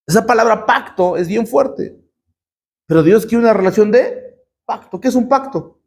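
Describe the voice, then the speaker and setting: A man's voice: sits high, lively intonation, moderate pace. A man preaching a sermon to a congregation as pastor, emphatic, with rhetorical questions and call-and-response. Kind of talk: sermon teaching.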